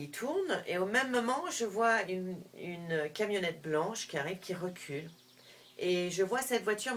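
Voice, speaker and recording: Lively middle-aged woman telling a story. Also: mid-range voice. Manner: animated, restarts often, shifts between hushed and loud. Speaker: vlogger. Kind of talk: personal storytelling monologue.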